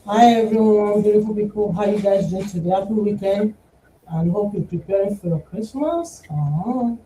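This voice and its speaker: A woman's voice: mid-range voice, normal speed, dark tone, slight background noise. A woman from Nigeria, talking in a chatty, playful way on a live stream. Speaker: panelist. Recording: echoey, distant webcam mic.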